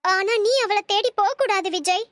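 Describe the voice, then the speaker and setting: A scheming cartoon mother, voiced by a woman, sounding very high and piercingly bright. She lectures and commands her son, then turns to pleading with put-on tears. The recording is completely dry and close. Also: normal speed, no echo. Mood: commanding. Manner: scolding, lecturing, fake tearful pleading. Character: stern scheming middle-aged mother, manipulative. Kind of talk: cartoon story voice acting.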